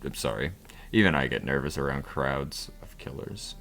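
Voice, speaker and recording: A man reading as a sardonic, deep game narrator. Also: expressive, normal speed, vocal fry, fairly bright tone, soft background music, full character voice. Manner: dry, sardonic storytelling. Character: sarcastic male game narrator.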